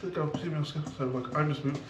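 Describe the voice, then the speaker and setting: A man's voice: fairly high pitch, steady tone, rapid-fire. A man casually giving a hands-on cooking demonstration, patiently encouraging and repeating his instructions. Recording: very echoey, distant mic, noisy surroundings.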